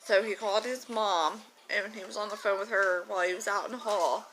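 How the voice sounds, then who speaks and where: Bright-voiced young woman, chatty and frank. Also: medium pitch, steady tone, brisk, a little hiss or hum, poor audio. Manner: chatty, rambling, frank, swears freely. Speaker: vlogger telling her birth story. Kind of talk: casual storytelling to camera. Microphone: phone camera.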